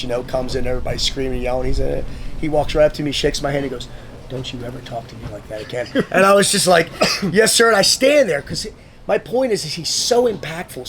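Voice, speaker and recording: Casting: male guest speaker, high-ish voice, lively storyteller with rough language, faint hiss behind. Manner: swearing, animated storyteller who acts out quotes. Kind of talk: casual storytelling conversation.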